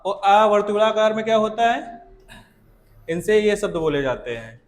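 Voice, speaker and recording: A man's voice: high-pitched, animated, moderate pace, big-room sound. A male teacher giving a classroom lecture, saying sounds aloud to show them and often asking whether the students follow.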